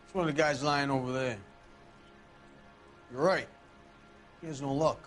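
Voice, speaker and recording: A man's voice: mid-range voice, a little slow, faint music behind, natural voice. An American man acting a defiant, slippery 1940s garage crook in a crime game, evasive and full of sneering tough talk. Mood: grudging.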